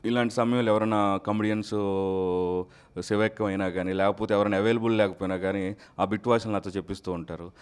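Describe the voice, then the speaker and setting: A soft-spoken man with a lowish voice, guest on an interview. He answers in a measured, polite way. He sounds like he is in a studio. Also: steady tone, clean tone. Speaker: mimicry artist guest. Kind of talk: casual interview chat. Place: recording studio.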